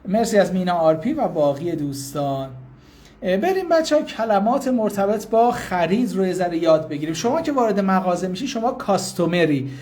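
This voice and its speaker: A man teaching English in a live online lesson. He reads out viewers' names, explains patiently and informally, and repeats English phrases slowly. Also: high voice, expressive, darkish tone, a little hiss or hum.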